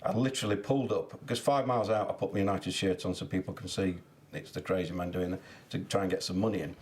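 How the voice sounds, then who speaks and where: A man's voice: low voice, fairly even intonation, fast, darkish tone. A man, a charity cyclist chatting as an interview guest and laughing as he tells stories. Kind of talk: interview chat.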